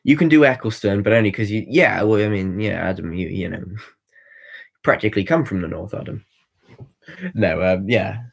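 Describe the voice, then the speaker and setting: With a lowish, breathy voice full of vocal fry, this twenty-something livestream host rambles through viewer comments at a moderate pace. He leaves long pauses and fills the gaps with ums and restarts.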